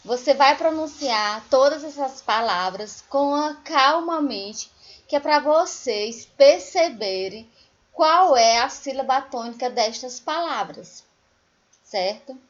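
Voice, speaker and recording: Woman teacher, slow and patient, fairly high voice, sings out example words, slightly dull lo-fi recording. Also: lively intonation. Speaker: primary school teacher. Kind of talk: recorded remote lesson for children.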